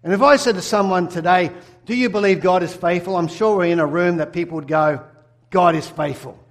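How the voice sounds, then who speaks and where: A middle-aged Australian pastor from Sydney, with a high-pitched voice and fairly quick pace, preaches a sermon built around his personal testimony. He tells his own story earnestly and puts questions to the congregation.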